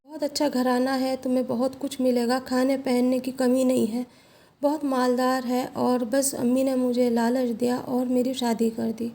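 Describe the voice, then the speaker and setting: High, flat-voiced woman narrating a story. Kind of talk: first-person story narration.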